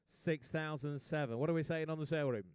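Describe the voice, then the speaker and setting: Brisk auctioneer calling bids. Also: male voice, a little high, darkish tone, clear, resonant tone, dry recording. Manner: brisk, jokey rapid bid calling. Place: auction sale room.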